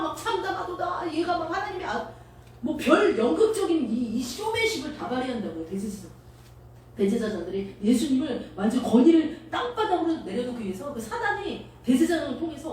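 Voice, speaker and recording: A woman's voice: on the high side, warm tone. Woman preaching in an echoey hall. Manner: conversational, storytelling with acted quotes. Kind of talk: sermon. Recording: echoey hall, distant mic, faint noise.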